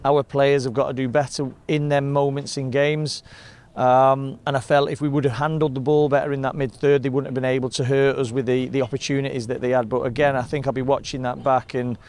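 A man, a football manager giving a measured, frustrated post-match interview outdoors. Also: mid-range voice, level tone, darkish tone. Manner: measured, frustrated, plain-spoken. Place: outdoors in front of a sponsor board.

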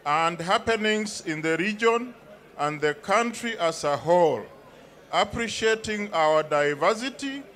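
An older man reads formal resolutions from a podium at an outdoor stadium rally. His voice sits high and bright, and he takes his time, stumbling over names now and then. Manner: deliberate, halting reading. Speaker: elder reading resolutions. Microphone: podium microphones.

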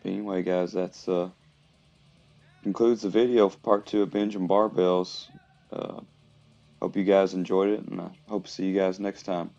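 A man vlogging at the gym, explaining his training between sets in a plain, halting way with lots of fillers. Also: low-pitched, level tone, creaky, mellow, no room sound, highs cut off, soft background music. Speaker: fitness vlogger. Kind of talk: casual talk to camera between lifting sets.

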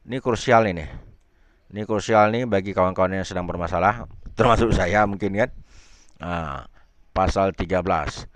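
A man's voice: deep voice, noisy background. A man, a teacher, reads a regulation clause by clause aloud and adds casual spoken asides to explain it.

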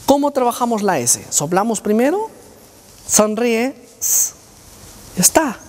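A man's voice: extremely high pitch, sing-song, measured pace, darkish tone. Man lecturing in an echoing hall. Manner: quizzes the audience and demonstrates speech sounds aloud. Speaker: speech therapist giving a university lecture. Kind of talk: lecture to students.

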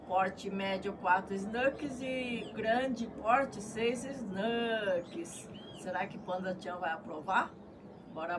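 A middle-aged Brazilian woman hosting a pet product review vlog in a playful, cutesy manner, sprinkling in Japanese catchphrases. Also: medium pitch. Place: small tiled outdoor patio or yard. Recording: clear background noise, outdoor ambience.

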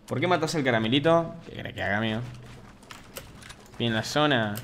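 A young Argentine man chats through a live game stream at his desk mic, reading viewer messages and bursting into loud excited shouts. Faint room noise and keyboard typing sit behind his voice. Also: medium pitch, a little fast. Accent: Argentine Spanish. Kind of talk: casual gaming stream commentary.

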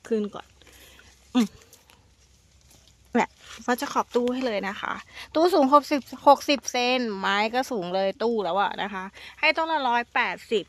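With lively intonation, a moderate pace, and a slightly bright tone, a plant seller chats warmly with her viewers. She coaxes them sweetly as elder siblings and repeats words playfully for emphasis, and the recording has no echo.

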